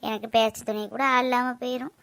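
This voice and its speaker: A woman voicing a tender middle-aged village mother, talking in a soft, coaxing way. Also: on the high side, little pitch movement, fairly quick, creaky, no echo. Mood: tearful.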